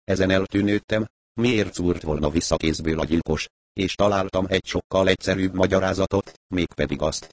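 Deep-voiced man reading a crime novel. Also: no echo. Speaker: narrator. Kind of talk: scripted audiobook narration.

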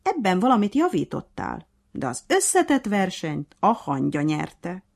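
A woman's voice: lowish voice, huge pitch swings, gravelly, a little mellow, slightly rough, exaggerated voice. A woman voicing a fair-minded but bossy male hare acting as referee in a storybook tale, speaking in a strict, commanding way.

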